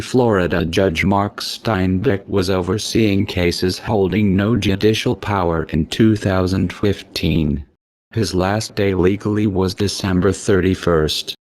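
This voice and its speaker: A man speaking in a disguised, computer-altered deep voice, reading a scripted statement in a slow, menacing monotone. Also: no room sound.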